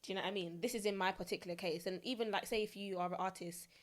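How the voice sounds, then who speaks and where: Lively young woman podcast host. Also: mid-range voice, rapid-fire. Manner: animated, laughs often. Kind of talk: casual chat.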